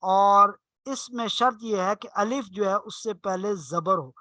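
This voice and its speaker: A man's voice: sits high, pushed and bright, no echo. A man teaching an online Arabic class, patiently explaining rules step by step and stretching out example words. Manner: drawn-out slow example words.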